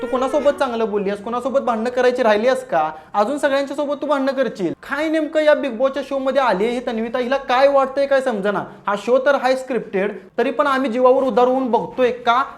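A man's voice: very high-pitched, quick pace, few pauses. A man doing comedic roast commentary, mocking and scolding in a sarcastic way.

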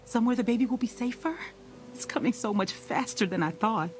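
An actress voicing an anxious pregnant young woman in a video game, strained and pleading, with game music playing softly underneath. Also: a little high, a little fast, natural voice.

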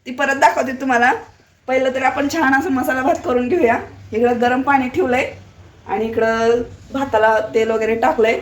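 Hoarse, chatty woman. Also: sits high, fairly even intonation, normal speed. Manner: chatty, playful, talks to her viewers. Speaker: home cooking vlogger. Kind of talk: casual chatty cooking vlog.

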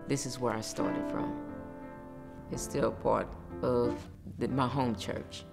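A woman's voice: a bass voice, fairly even intonation, slow, creaky. An older woman, a former church pianist, reminiscing in a documentary interview. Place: home room with piano. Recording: music bed under voice.

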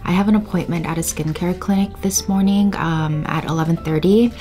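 A woman's voice: on the low side, fairly even intonation, fairly quick, mellow, faint music behind. A woman in her twenties vlogging in a small hotel room, tired and with a sore throat, chatting casually and laughing often. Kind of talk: casual vlog chat.

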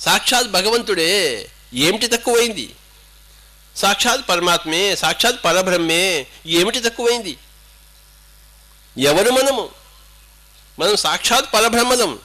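A man's voice: high-pitched, normal speed, long pauses, bright, forceful tone. An older man giving an emphatic spiritual discourse, firing off rhetorical questions and switching into English and Hindi. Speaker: spiritual teacher.

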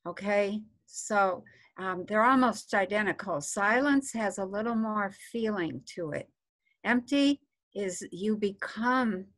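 A woman teacher answering a question in an online class, speaking haltingly with many pauses and fillers, her voice strained and hoarse from teaching all weekend. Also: mid-range voice. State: losing her voice, clearing throat. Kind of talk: casual spoken teaching.

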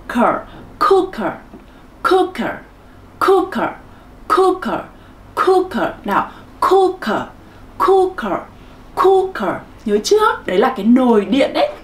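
A woman whose first language is Vietnamese leads a children's pronunciation lesson, coaxing and repeating each sound. Her high voice leaps about with bright, animated swings. She sits a little back from the mic in a roomy, echoing space. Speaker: English pronunciation teacher.

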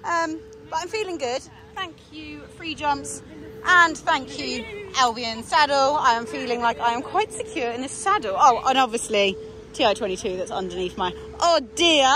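A woman's voice: sits high, normal speed, a crowd in the background. A young woman vlogging from horseback outdoors, cooing praise and reassurance to her horse. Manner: coos and praises the horse in a soothing voice. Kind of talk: casual vlog chat, talking to her horse. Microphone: action camera.

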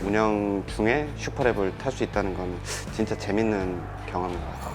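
A man in his twenties, a racing driver guest, answering casually with relaxed confidence. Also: fairly low pitch, fairly quick. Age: 20s. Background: music.

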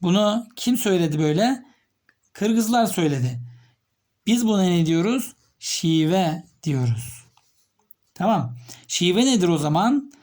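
A male teacher giving a literature lesson, asking his students questions and repeating key terms slowly as he writes. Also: sits high, expressive, a little mellow. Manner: explains step by step, repeats key terms while writing; addresses students directly with questions.

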